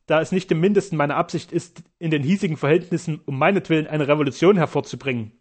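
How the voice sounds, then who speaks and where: A man's voice: on the high side, quick pace, natural voice. A man reading an audiobook voices a proud doctor who speaks in a composed, dignified way.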